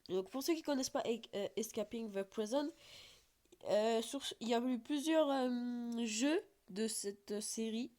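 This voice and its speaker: A woman's voice: on the high side, measured pace, warm tone. A woman giving casual gameplay commentary as a YouTuber, chatty and rambling with lots of fillers and restarts. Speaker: gaming YouTuber.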